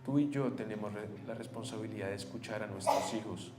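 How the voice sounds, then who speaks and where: A young adult man, preaching a sermon as a pastor. He talks earnestly, moving between animated and quiet, reflective moments. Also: fairly low pitch, a little fast. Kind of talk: sermon storytelling. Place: church sanctuary. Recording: echoey church hall, faint guitar.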